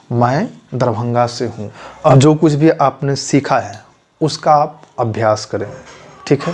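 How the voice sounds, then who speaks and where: A man teaching a language lesson, repeating phrases and stressing pronunciation. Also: mid-range voice.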